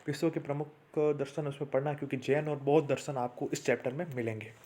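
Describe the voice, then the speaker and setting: Flat-voiced male exam tutor. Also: medium pitch, fast. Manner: steady list-like delivery, addresses viewers as friends. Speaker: exam prep teacher. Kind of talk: exam syllabus walkthrough.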